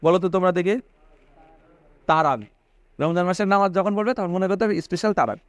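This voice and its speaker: A man's voice: high voice, fairly quick, dry recording. A man giving a religious sermon, repeating phrases for emphasis and asking his listeners questions. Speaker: preacher.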